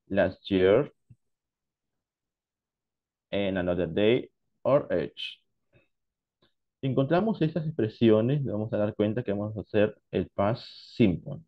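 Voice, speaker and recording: A man teaching English to Spanish speakers, explaining past tense pronunciation slowly and deliberately, switching between Spanish and English. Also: on the low side, lo-fi sound. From Peru. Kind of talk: online class lesson.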